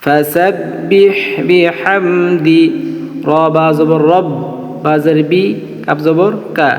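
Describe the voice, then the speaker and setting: Bengali accent guy teaching tajweed, spells letters then chants slow, kinda high voice, long echo in the room. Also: level tone, darkish tone. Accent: Bangladeshi Bengali. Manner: spells letters and vowels, then draws words out in chanted recitation. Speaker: Quran reading teacher. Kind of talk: Tajweed lesson with slow melodic recitation. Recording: echoey, reverberant room.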